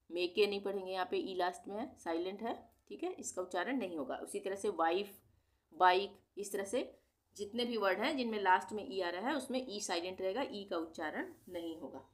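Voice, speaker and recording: Patient woman teaching spelling rules. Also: medium pitch. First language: Hindi. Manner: patient, repeats each example word slowly. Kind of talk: explaining English spelling rules.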